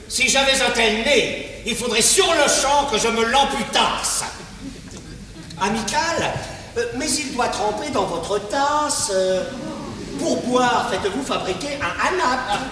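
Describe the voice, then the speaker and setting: A man's voice: very high-pitched, a bit bright, full character voice. An actor playing a proud, witty swordsman, declaiming verse on stage in a hammy, exaggerated manner. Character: proud, witty, swaggering swordsman mocking an insult to his big nose. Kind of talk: theatrical verse stage monologue. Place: theatre stage, recorded from afar. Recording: echoey hall, distant mic, noisy stage recording.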